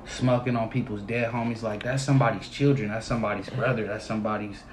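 A man's voice: lowish voice, fairly even intonation, quick pace, roomy sound, a crowd in the background, low-quality recording. A man guesting on a casual podcast, speaking in an earnest, slangy way and asking "you feel me". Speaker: podcast guest and fellow host.

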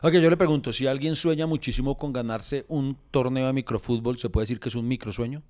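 A man's voice: mid-range voice, brisk, darkish tone. A Colombian man chatting casually and joking at his own expense while short on sleep. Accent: Colombian Spanish. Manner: joking, laughs at himself, repeats words. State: sleep-deprived. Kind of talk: casual chat.

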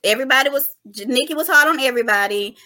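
Woman co-host, bright and fairly high voice, chatty and emphatic, casual podcast talk. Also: racing. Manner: chatty, emphatic, addresses listeners as y'all. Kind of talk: casual chat.

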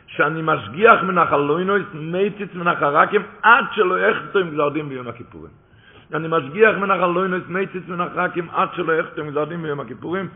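A man giving a sermon with emphatic delivery, repeating key phrases and quoting sources in a chanting cadence. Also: on the high side. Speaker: rabbi. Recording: tinny phone-like recording.

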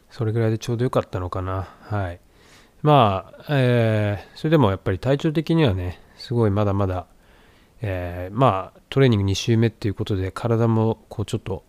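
Low-pitched man, casual vlog talk. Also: a little mellow, no room sound. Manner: reflective, conversational, thinking aloud. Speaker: vlogger.

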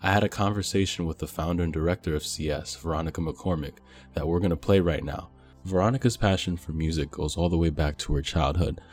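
A man hosting a podcast, opening the show in a smooth announcer manner. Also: deep voice, a little fast, a little mellow, faint music behind. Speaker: podcast host.

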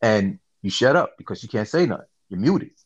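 A man hosting a casual podcast, telling stories in an animated, slangy way and often asking "you see what I'm saying". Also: fairly low pitch, a little fast, husky. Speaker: podcast host. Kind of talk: casual chat.

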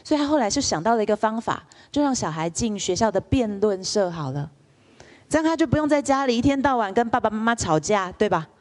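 A woman's voice: a little high, quick pace. A woman lecturer, telling stories in a public lecture and asking the audience questions. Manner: lively storyteller, asks the audience rhetorical questions.

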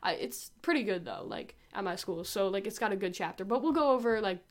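A woman's voice: mid-range voice, lively intonation, fairly quick. A teenage girl hosting a casual advice chat, rambling and chatty with lots of fillers. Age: teens. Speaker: host.

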